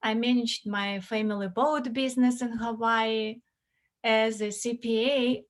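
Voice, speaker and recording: A middle-aged woman with a Russian accent, speaking earnestly and in measured phrases as an interview guest. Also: medium pitch. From former USSR. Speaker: interview guest, finance mentor. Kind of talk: conversational interview.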